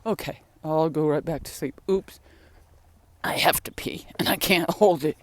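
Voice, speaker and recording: In a deep voice at normal speed, an older woman vlogger rambles chattily about her family and pets, laughing and sighing as she walks home outdoors in the wind with her groceries. The recording itself sounds dry.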